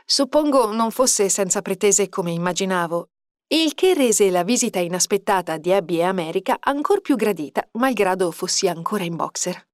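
Female audiobook narrator, expressive lively delivery, dead-dry close mic. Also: medium pitch, normal speed, no room sound. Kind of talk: scripted narration.

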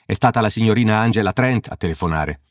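A man's voice: fairly low pitch, animated, fast, no echo, studio quality, close to an everyday voice. A man reading an audiobook voices a stern, exasperated police sergeant who scolds sharply.

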